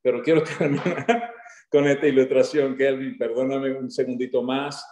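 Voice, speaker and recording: A man from Maracaibo in Venezuela with a Maracaibo accent, preaching a sermon as a guest pastor, talking fast and getting excited. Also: medium pitch, echoey room. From Venezuela (Zulia).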